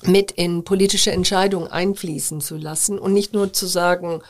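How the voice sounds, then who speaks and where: Older woman, interview guest, fairly low voice, thoughtful, pauses with fillers. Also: steady tone. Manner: measured and thoughtful, with frequent hesitation fillers. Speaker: interview guest, former journalist. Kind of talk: reflective interview answers.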